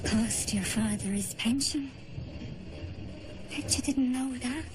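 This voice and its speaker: An actress playing a cold older mother in a horror drama, speaking to her son in plain, folksy words with quiet cruelty. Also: a little high. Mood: quietly cruel. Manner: slow, plain-spoken, folksy grammar. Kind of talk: horror television drama acting. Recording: noisy background under dialogue.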